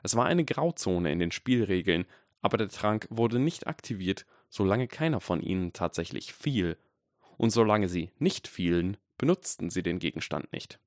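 A man narrating a fantasy audiobook chapter in an expressive, dramatic storytelling manner. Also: sits low, moderate pace, no room sound, studio quality. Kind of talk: scripted narration.

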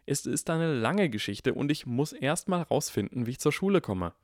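A man reading an audiobook and voicing a clever, cheeky eleven-year-old boy who talks quickly and pleads and protests. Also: mid-range voice, very animated, darkish tone, no echo, studio quality, voice pushed up, close to an everyday voice. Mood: evasive.

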